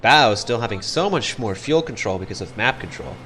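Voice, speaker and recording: A man's voice: fairly low pitch, fairly quick, a crowd in the background. Laid-back man casting a strategy game. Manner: relaxed, chatty, thinks aloud and second-guesses himself. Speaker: game caster. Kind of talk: solo esports play-by-play commentary. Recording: loud game gunfire and artillery behind the voice.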